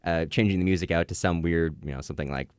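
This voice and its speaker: A young man with a deep, low voice talks through a casual co-hosted chat. He rambles, often restarting and filling pauses, and the sound is close and dry with no room echo. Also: clear, resonant tone. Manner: rambling, many fillers and restarts. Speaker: podcast co-host.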